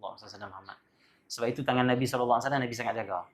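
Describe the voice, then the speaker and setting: A man's voice: mid-range voice, steady tone, very fast. A man giving a religious lecture, telling stories animatedly and breaking in with devotional exclamations. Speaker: religious teacher.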